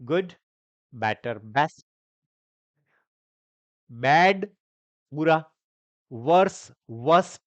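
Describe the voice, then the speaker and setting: A man's voice: fairly high pitch, no echo, highs cut off. A man teaching English grammar, explaining step by step, spelling words out letter by letter and often asking his students if they follow. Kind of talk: Hindi-language grammar lesson.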